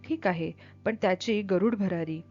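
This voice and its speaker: A woman voicing a brooding, inwardly torn male schoolteacher in a read-aloud story, speaking low and questioning himself. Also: moderate pace, dark tone, natural voice. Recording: dull lo-fi with faint music.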